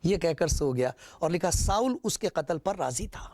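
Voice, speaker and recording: A man's voice: a little high, animated, a little mellow. A man preaching a sermon, retelling scripture with repetition and rhetorical questions.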